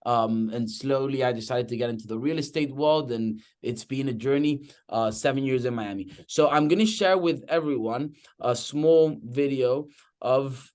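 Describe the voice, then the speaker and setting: A young man from Madrid speaks with a Spanish accent in a mid-range, somewhat dark voice. He hosts a real estate webinar with enthusiasm, frequently checking in with "okay?"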